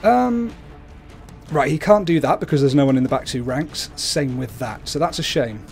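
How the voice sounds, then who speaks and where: A man's voice: mid-range voice, animated, normal speed, vocal fry, faint music behind. Man giving casual game commentary. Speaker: livestream host playing a video game. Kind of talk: casual explanatory gameplay commentary. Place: indoors at a computer, webcam.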